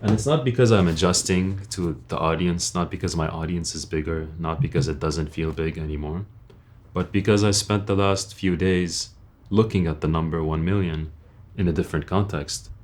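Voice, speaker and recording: Speaking straight to his viewers, a young Lebanese man with a very deep voice gives an earnest personal monologue. His style is blunt and casual like an online creator's, full of rhetorical questions, at a moderate pace and slightly mellow.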